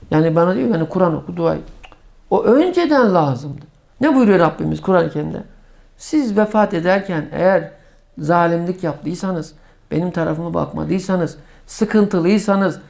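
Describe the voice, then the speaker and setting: A middle-aged male preacher with a gravelly, creaky voice. He tells stories in a sermon, his voice jumping up into sharp, high exclamations for emphasis.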